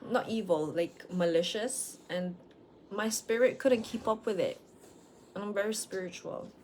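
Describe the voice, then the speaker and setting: A woman's voice: medium pitch, unhurried, darkish tone. Woman, late twenties, frank rambling home vlog, faint hiss behind. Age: late 20s. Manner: frank, rambling, self-questioning. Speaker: vlogger. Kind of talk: candid personal vlog. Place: at home with dogs.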